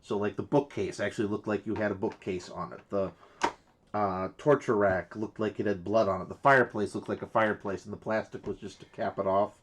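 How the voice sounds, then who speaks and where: A man's voice: lowish voice, steady tone, a little fast, slight background noise. A man in casual unboxing chat, explaining details at length with frequent fillers. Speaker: co-host.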